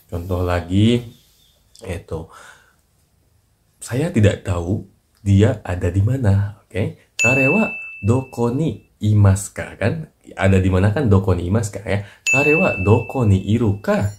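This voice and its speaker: A man teaching in a casual, chatty way, trailing off softly at the ends of his lines. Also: lowish voice, expressive, measured pace, pauses often. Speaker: Japanese language teacher. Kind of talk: casual lesson in short clips. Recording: noisy recording with clicks.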